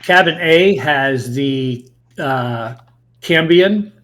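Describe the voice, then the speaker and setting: A man narrating a tabletop role-playing game as game master, improvising in a halting way. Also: on the high side, lively intonation, fairly bright tone.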